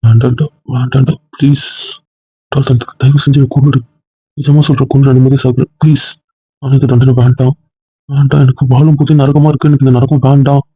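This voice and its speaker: A man's voice: mid-range voice, flat delivery, a little fast, breathy edge, dry recording, lightly acted. A man playing a grief-stricken young husband who pleads and despairs over his guilt. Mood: pleading. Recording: muffled phone-like sound.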